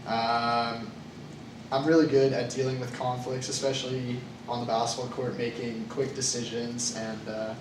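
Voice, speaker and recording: In a mock job interview staged in a classroom, a young male student from Canada plays the nervous applicant. His mid-range voice is monotone and halting, peppered with uhs and ums, captured from across a noisy, echoey room, distant from the mic.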